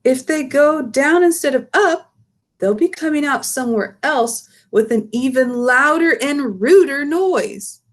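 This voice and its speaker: A woman's voice: high-pitched, animated, unhurried, pitched above the performer's own voice. A woman voicing a polite, patient and inquisitive young girl in a storybook read-aloud. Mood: matter-of-fact.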